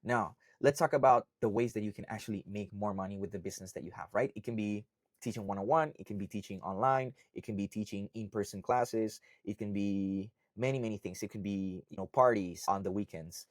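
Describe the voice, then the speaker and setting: A man's voice: on the low side, fairly quick, dry recording, clean studio sound. A young man from Costa Rica, a salsa instructor, talking casually to camera and often checking in with "right?" and "okay?". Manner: conversational, often ends points with "right?" and "okay?". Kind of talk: casual explainer talk to camera.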